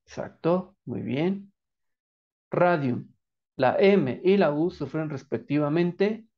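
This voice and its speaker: A man's voice: on the high side, muffled recording. A man with a Mexican accent teaching a lesson in quiz style, answering his own questions and praising the viewer. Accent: Mexican Spanish.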